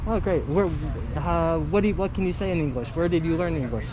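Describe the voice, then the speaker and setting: A man's voice: a little high, animated, fast, lo-fi sound, background noise. A man hosting a casual vlog, asking questions and chatting to viewers. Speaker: host interviewing passers-by.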